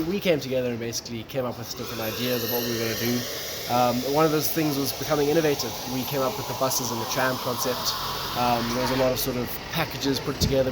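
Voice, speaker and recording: A man from Malawi, a guest talking casually about his tourism business, relaxed and saying "um" and "look" a lot. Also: mid-range voice. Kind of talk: casual interview talk. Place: coffee shop. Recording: noisy coffee shop background.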